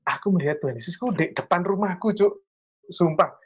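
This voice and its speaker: A man's voice: high-pitched, fairly quick, breathy edge. Young east javanese guy rambling through a personal story, earnest, kinda muffled lo-fi sound. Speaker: storyteller sharing a testimony. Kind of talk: casual chat.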